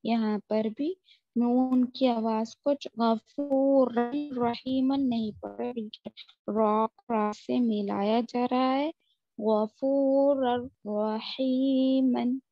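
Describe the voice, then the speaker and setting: Slow-spoken woman teaching Quran recitation. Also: fairly high pitch, steady tone, no echo, soft background music. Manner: explains quickly, then drawls Arabic examples very slowly. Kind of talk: tajweed lesson with slow recited examples. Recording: dry, dull lo-fi audio.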